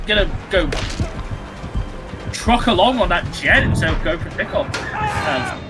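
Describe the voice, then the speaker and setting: A man giving live esports commentary on a match, animated and rambling, full of fillers and restarts. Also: high voice, unhurried, over loud music. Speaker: esports caster.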